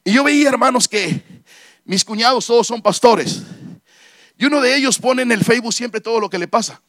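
A middle-aged man preaching a sermon as pastor, fervent, with repeated hallelujahs and shouted peaks. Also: very high-pitched, brisk, dry recording, studio quality.

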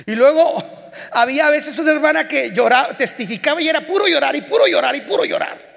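A man's voice: very high voice, a little fast, vocal fry, fairly bright tone. A man with a Mexican Spanish accent, an evangelist preaching a humorous, storytelling sermon. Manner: storytelling, humorous, singing snippets. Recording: long church hall reverb.

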